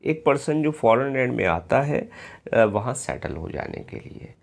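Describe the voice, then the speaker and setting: A man's voice: medium pitch, big pitch swings. A man with an Indian accent teaching an exam-prep English lesson, patiently spelling out words letter by letter and checking that his students follow along. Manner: slow and patient, often checks in with "clear friends?".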